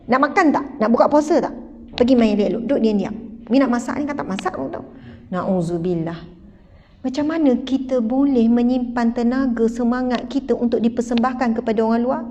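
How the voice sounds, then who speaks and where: A middle-aged woman with a Malaysian Malay accent giving an animated religious talk, acting out scenes from family life. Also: fairly high pitch. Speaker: religious teacher. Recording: dull hall recording, faint noise.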